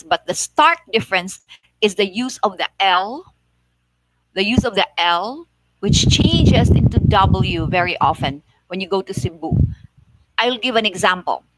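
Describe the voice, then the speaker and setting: A woman from Negros Oriental with a Filipino accent, explaining things in a measured, casual way with many repeats. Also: mid-range voice, fairly bright tone, rough recording. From Philippines, Negros Oriental. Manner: slow, measured explaining with frequent "like" and repetitions. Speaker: vlogger.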